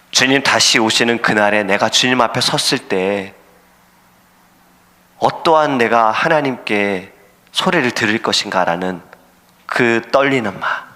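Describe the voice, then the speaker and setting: Bright-voiced pastor preaching in a reverberant hall. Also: male voice, medium pitch. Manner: earnest preaching, acts out shouting sailors and God's voice. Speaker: senior pastor. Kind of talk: sermon. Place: church sanctuary.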